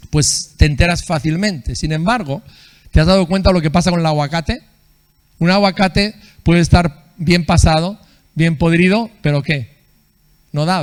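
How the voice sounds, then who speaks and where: Conversational male pastor preaching. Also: fairly high pitch. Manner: conversational, asks the congregation "¿verdad?" often; acts out quoted people in a raised voice. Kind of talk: sermon. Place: church.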